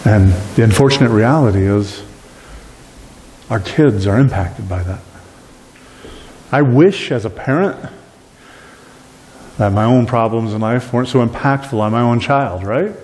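A middle-aged man preaching a sermon as pastor of a small church, animated and gesturing widely. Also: medium pitch, a little slow, pauses often, slight background noise. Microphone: far camera at back of room. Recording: long reverb from a church hall.

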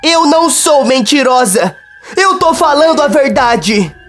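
A cornered woman defends herself in nervous, pleading lines, as a narrator reads her. The pitch moves widely. Faint music sits behind her. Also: expressive, unhurried. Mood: desperate. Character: nervous woman under accusation. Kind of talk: read-out novela dialogue.

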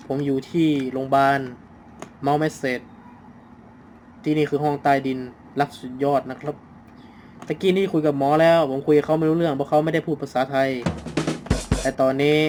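A man hosting a horror game let's play, talking to himself as he plays. He is excitable and swears casually. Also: fairly high pitch, slight background noise. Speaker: gaming channel host.

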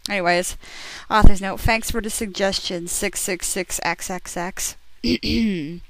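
A woman's voice: mid-range voice, fairly even intonation, unhurried, fairly bright tone, no room sound, poor audio. A young woman reading a story aloud with sarcastic, giggly asides, on a close dry mic. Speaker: reader of a parody fanfiction. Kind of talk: mocking dramatic reading with asides.

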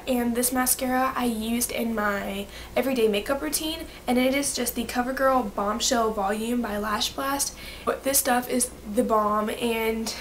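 Her voice fairly high and congested by a cold, a young woman vlogs from her bedroom, gushing over favorite products. This beauty vlogger is bubbly and casual, tossing in quick asides, while a little hiss or hum sits in the background.

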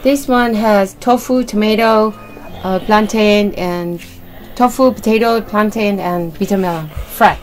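Chatty woman in her thirties hosting a food video, music playing clearly behind. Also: medium pitch, a little slow. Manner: chatty, presents each dish. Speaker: host of a food channel. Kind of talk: casual mukbang chat. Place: sunny room with large windows, indoors. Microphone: table mic in front of the couple. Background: music in the background.

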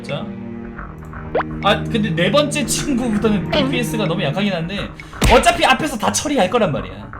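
Game streamer, male, from South Korea; animated chatty delivery, music bed underneath. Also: sits high, moderate pace. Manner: chatty, bursts into excited shouting during battles. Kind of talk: sponsored mobile game playthrough.

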